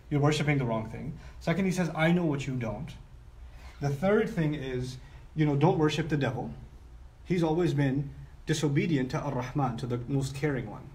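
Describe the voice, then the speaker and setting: A man teaching a structural lesson on scripture, animated and often voicing the speakers of the story as he explains. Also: on the high side, far from the mic. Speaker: Quran teacher. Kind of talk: lecture on scripture. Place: broadcast live online.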